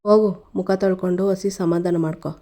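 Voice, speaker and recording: A firm, reassuring household matriarch, as a woman narrator puts her on, speaking low and mellow with an even melody. She sounds steady and in control of the family. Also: brisk, lightly acted. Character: calm elder sister-in-law, firm and reassuring.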